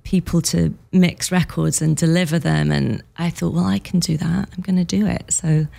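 Chatty Welsh-raised woman, gravelly voice. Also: on the low side, steady tone, normal speed, dark tone. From Wales. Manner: chatty and candid, laughs often. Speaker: music producer, studio guest. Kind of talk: casual radio interview. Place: radio studio.

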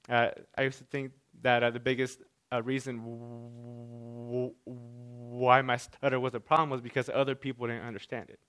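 This stage speaker stutters through a personal talk to an audience, often restarting words and repeating sounds. His voice sits at medium pitch and comes across somewhat bright, clear and resonant.

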